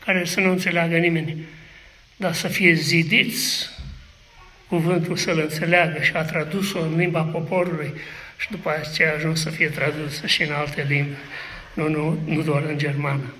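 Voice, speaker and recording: A man's voice: on the high side, little pitch movement, sharp tone, a little hiss or hum, rough recording. A man preaching a sermon, asking rhetorical questions and speaking aloud to God.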